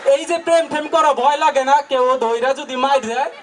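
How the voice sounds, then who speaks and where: A man playing an exasperated, high-pitched scolding father. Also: normal speed, recorded from a distance. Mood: questioning, impatient. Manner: scolding, insistent, calling out. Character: exasperated stern father of the sweetheart, confronting a suitor. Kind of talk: comic folk stage drama. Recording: noisy outdoor crowd recording.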